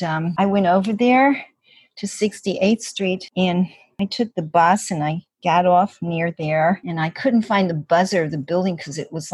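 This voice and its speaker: Older woman, interview storytelling, chatty, fillers, husky, lowish voice, dry close sound. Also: a little mellow, no room sound. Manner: chatty, many "like" and "you know" fillers, acts out quotes. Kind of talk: casual storytelling.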